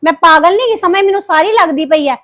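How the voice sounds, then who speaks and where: A woman's voice: very high voice, a bit bright. An actress playing a grieving young wife who bitterly reproaches her mother-in-law, with a Punjabi accent. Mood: bitter, accusing. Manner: reproachful, accusing, rapid complaints. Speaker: daughter-in-law Harpreet. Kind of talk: emotional family drama acting.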